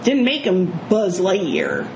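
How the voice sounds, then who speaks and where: A middle-aged woman with some vocal fry, chatting casually and emphatically about movies as a review co-host. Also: lowish voice, huge pitch swings, slow, darkish tone. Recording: echoey room with clear background noise.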